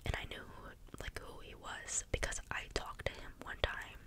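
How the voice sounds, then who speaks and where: Young person whispering a rambling ASMR storytime. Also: moderate pace. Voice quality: soft, breathy, unvoiced whisper. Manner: rambling, casual, tangent-prone. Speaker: ASMR video creator.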